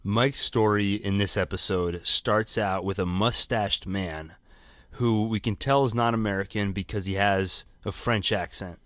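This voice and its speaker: A man's voice: fairly low pitch, steady tone, unhurried, fairly bright tone, a little hiss or hum. A man co-hosting a podcast, casually recapping and explaining an episode's plot at length. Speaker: podcast co-host.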